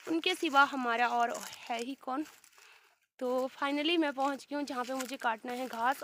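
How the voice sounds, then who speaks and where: Casting: chatty village vlogger, woman, slightly high voice, a bit throaty from a sore throat, phone held outdoors. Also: noisy background. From Himachal Pradesh, India. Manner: chatty, talks straight to viewers. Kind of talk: casual walk-along vlog talk. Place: outdoors on a steep grassy hillside.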